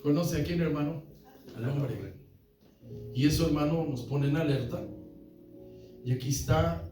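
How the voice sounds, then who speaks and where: A man's voice: on the high side, measured pace, mellow, faint music behind. A man pastor preaching a sermon, often calling listeners brother and asking the congregation questions. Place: church hall. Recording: echoey church hall, from far off.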